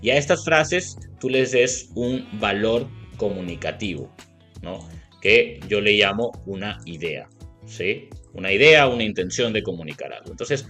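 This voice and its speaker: A man's voice: fairly low pitch, animated, a little slow, pushed and bright, soft background music. A man with a Latin American Spanish accent teaching a video lesson, explaining step by step and checking in often with the viewer. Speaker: English teacher.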